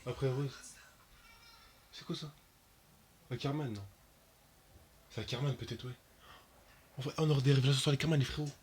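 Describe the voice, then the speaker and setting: A young man talking straight to his audience in a loose, slang-heavy way while reacting to a show. He gets worked up fast, and his voice leaps up in pitch and volume when something surprises him. His pitch sits in the middle range for a man. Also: slight background noise. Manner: slangy and excitable, jumps high and loud when shocked. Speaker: anime reaction YouTuber. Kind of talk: casual reaction commentary to viewers.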